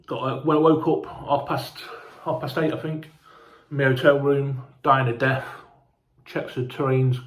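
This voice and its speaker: Man, casual rambling storyteller, swears a lot, hungover, roomy echo. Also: medium pitch. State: hungover and unwell. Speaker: fan vlogger.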